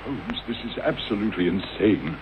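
An actor playing an earnest, kindly but easily indignant middle-aged English gentleman doctor in a radio drama, formal in manner. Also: lowish voice, normal speed, close to an everyday voice. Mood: indignant, worried. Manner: earnest, formal, stammers when flustered. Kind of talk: 1980s radio drama acting. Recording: tinny, noisy old radio broadcast.

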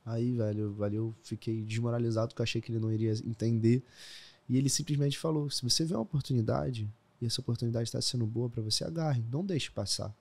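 A man's voice: mid-range voice, fast, darkish tone. A young man in his twenties with a Brazilian Portuguese accent, a guest telling stories in a casual podcast interview and laughing often. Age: 20s. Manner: storytelling, laughs often, says "velho". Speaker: guest trader.

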